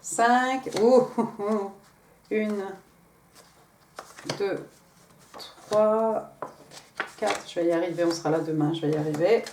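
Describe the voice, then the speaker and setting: A woman's voice: mid-range voice, fairly even intonation, takes it slowly, long pauses, recorded from a distance, noisy background. A woman giving a casual tarot card reading, hesitant, with many fillers and restarts. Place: room at home. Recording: roomy, from off the mic.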